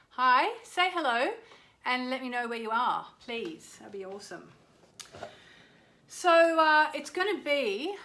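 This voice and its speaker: A woman's voice: on the high side, pushed and bright. A middle-aged woman hosting a live astrology show, chatting casually and greeting viewers by name. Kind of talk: casual livestream chat. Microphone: desk microphone.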